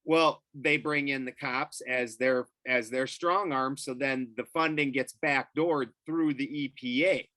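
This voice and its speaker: A man's voice: medium pitch, a little slow, hardly any pauses, no room sound. A middle-aged man telling a story as a podcast guest, casually and with a lot of swearing. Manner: profane, animated storyteller.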